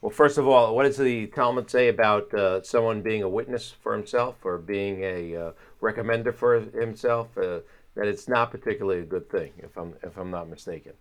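A man speaking as a guest political analyst in conversational interview commentary, wry, with halting repeats. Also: lowish voice.

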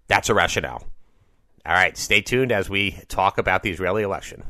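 A man's voice: mid-range voice, pushed and bright. A man hosting a political talk show, speaking conversationally in a wordy, emphatic way with rhetorical repeats. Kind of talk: conversational broadcast interview about politics.

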